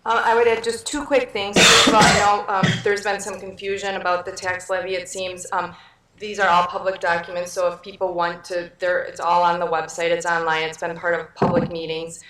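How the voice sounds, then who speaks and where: A woman trustee candidate giving earnest, measured answers at a forum, with frequent ums. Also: lowish voice, level tone, fairly bright tone. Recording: echoey hall, mic from far off.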